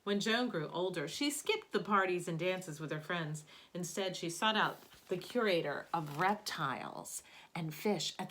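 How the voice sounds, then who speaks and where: A woman with a lowish voice reads a picture book aloud like a teacher at bedtime, giving key words expressive emphasis.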